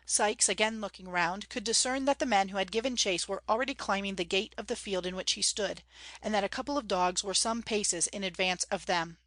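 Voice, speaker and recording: A woman reads a classic novel aloud at an even pitch, measured and expressive. Her voice sounds close and dry, with no room around it. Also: no echo. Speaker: audiobook reader.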